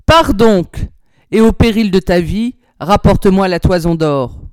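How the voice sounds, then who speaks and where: A woman's voice: mid-range voice, a little slow, darkish tone, clear, resonant tone, dry recording, clean studio sound, lightly acted. A woman reading a storybook aloud, voicing a cunning, cruel usurper king who taunts a young hero. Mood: gleeful. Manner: mocking, scheming. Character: sly cruel usurper king, male, older.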